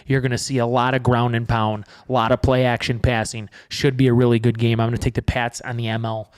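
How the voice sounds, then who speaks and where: A man co-hosting a casual sports betting show, self-mocking and a bit halting. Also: medium pitch, level tone, clear, resonant tone. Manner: self-deprecating, halting, laughs through his words. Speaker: sports betting podcast co-host.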